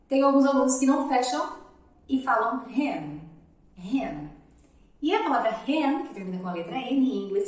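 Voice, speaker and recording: A young Brazilian woman teaching English pronunciation, carefully repeating each sound slowly to demonstrate it. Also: medium pitch, distant mic. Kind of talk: pronunciation lesson. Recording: very echoey room, voice off-mic.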